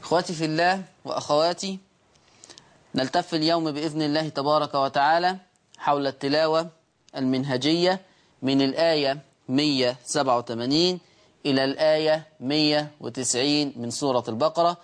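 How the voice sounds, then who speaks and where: A man's voice: on the high side, fairly quick. A man with an Egyptian accent hosting a Quran recitation lesson, patiently explaining rules and repeating each point twice. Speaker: Quran recitation teacher and host.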